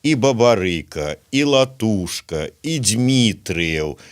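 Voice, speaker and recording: A man's voice: on the low side, very animated, slow pace. A man asking interview questions hesitantly, with many filler sounds between his words.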